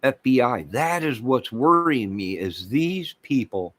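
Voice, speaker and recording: An American online host with a medium-pitched, expressive, fairly bright voice talks a little slowly, captured in a dry recording. He rants emphatically with strong opinions, repeating phrases for weight and sarcastically ridiculing other viewpoints.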